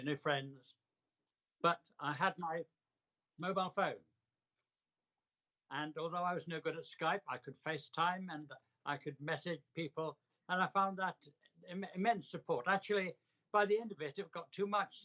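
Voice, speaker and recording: An older man with a bright, forceful voice pitched a little high recounts personal memories in an interview. He speaks in measured, deliberate phrases with clear emphasis. The recording is slightly dull and lo-fi. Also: steady tone. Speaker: interviewee recounting a hospital stay. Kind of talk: reflective personal storytelling in an interview.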